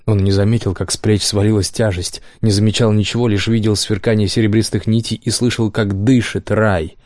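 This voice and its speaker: Male audiobook narrator, deep-ish warm tone, dry booth sound, steady dramatic delivery. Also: no echo. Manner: measured dramatic reading. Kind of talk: scripted narration.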